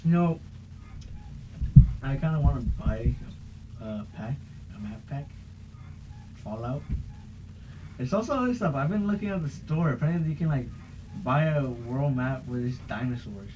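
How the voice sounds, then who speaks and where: A man's voice: mid-range voice, normal speed, pauses often. A young man hosting a podcast, chatting casually in a rambling, profane way. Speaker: podcast host. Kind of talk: casual chat. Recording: muffled with faint hiss.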